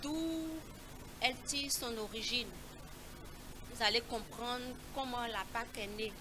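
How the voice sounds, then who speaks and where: High-voiced woman running a bible riddle game for kids, repeats every clue, bit of hiss behind. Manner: slow, repeats each clue, coaxing. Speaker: children's Bible quiz leader. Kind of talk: Bible riddle quiz for children.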